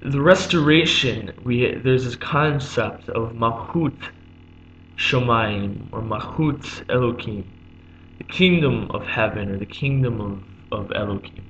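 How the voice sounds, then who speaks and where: A man at an ordinary middle pitch gives an unscripted religious lesson. He pauses often on "um", restarts his phrases and explains each term again. The recording is dull and lo-fi, with a faint hum underneath. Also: fairly bright tone. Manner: halting, many "um"s, repeats and glosses terms. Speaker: religious teacher.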